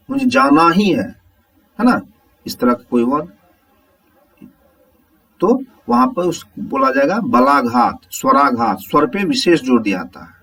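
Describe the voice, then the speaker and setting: A man teaching a Hindi grammar lesson, explaining slowly step by step and asking the viewers whether it is clear. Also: medium pitch, a bit bright, distant mic, low-quality recording.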